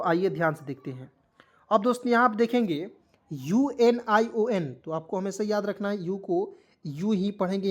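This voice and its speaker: A man teaching an online English spelling lesson, patiently spelling words letter by letter and then repeating each word. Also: sits high. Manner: patient, addresses viewers as friends.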